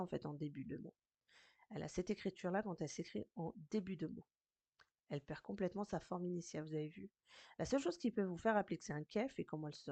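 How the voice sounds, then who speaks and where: A woman teaching a recorded Arabic reading lesson in French, patient and slow, sounding out each syllable. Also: lowish voice, darkish tone, no room sound. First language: French speaker teaching Arabic.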